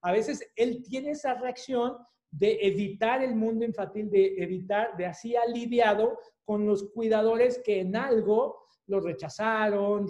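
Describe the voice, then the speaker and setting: A woman's voice: medium pitch, dark tone. A woman giving an educational talk on attachment, often ending points with a questioning tag. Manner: explains with acted-out dialogue examples and tag questions.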